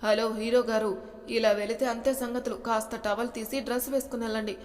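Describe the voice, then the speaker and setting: A woman's voice: a little high, level tone, a little fast, big-room sound, close to an everyday voice. A woman voicing a playful younger brother who teases his older brother. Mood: teasing.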